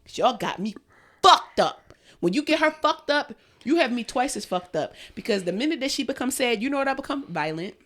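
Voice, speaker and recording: A woman's voice: a little high, lively intonation, a little fast, fairly bright tone. A young woman co-hosting a podcast, ranting in heated, profane casual chat. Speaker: podcast co-host.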